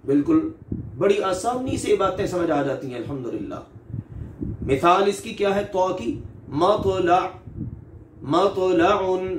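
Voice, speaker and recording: A man's voice: high-pitched, distant mic, slight background noise. A man teaching Quran recitation in a recorded lesson, patiently repeating examples and stretching out each letter sound to demonstrate it. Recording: echoey room, off-mic, faint ambience.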